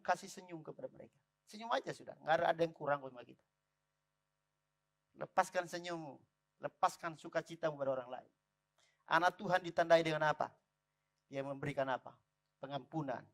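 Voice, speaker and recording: A man preaching a lively sermon in church, calling out to the congregation. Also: on the high side, vocal fry. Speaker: pastor.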